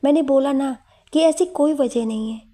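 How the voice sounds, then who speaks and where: A woman's voice: high-pitched, normal speed, warm tone, close to an everyday voice. Woman reading as a shy, teasing young student. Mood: reluctant.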